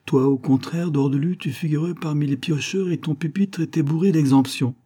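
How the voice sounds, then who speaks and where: A man's voice: a little high, normal speed, mellow, breathy edge, voice pushed up. A man reading the part of an easygoing, joking man of thirty in a storybook reading, in a wry, teasing manner. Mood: friendly.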